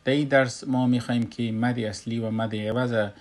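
A man with an Afghan Dari accent teaches Quran recitation in a recorded lesson, explaining slowly and pausing often with "uh". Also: mid-range voice, steady tone, darkish tone. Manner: slow, explanatory, with frequent "uh" pauses.

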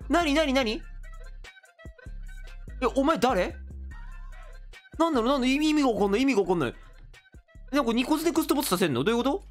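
A man with a hosting a solo let's-play, excitable and reacting loudly to the game. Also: very high voice, fast talker, pauses often, soft background music. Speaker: gaming video host.

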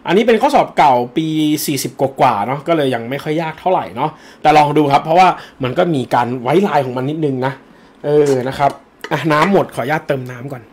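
Male exam tutor, slightly high voice, casual joker answering comments live. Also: husky. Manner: chatty and joking, casual slang. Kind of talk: live-streamed lesson answering viewer comments.

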